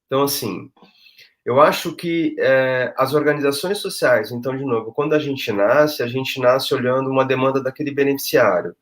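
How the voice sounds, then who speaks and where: Emphatic man, mid-pitched. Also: normal speed. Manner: emphatic, acts out quoted thoughts. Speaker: guest, social project leader. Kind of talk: conversational discussion.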